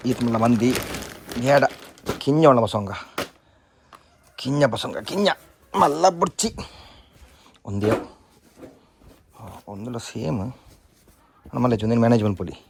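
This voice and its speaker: A man's voice: mid-range voice, measured pace, vocal fry, long pauses. A man casually talking through his riding and camping gear for a vlog, showing items one by one. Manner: chatty, shows items one by one. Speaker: moto vlogger. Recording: faint background noise.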